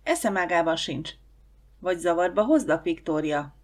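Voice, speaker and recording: Lady voicing a cocky joking young lawyer guy, lowish voice, audiobook read. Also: expressive. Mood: teasing. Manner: joking, self-assured, boisterous. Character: brash, teasing young male lawyer. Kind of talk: audiobook character reading.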